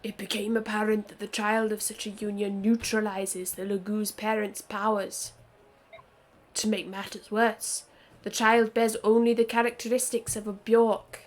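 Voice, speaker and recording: A woman's voice: medium pitch, flat delivery, moderate pace. A woman streaming a game, reading its story dialogue aloud earnestly, with joking asides.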